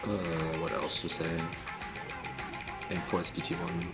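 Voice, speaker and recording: A man's voice: low-pitched, flat delivery, measured pace. A man casually hosting a showcase stream from an empty meeting room at work, laid-back and joking, his voice carrying a cave-like echo. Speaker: mappool showcase host. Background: music playing.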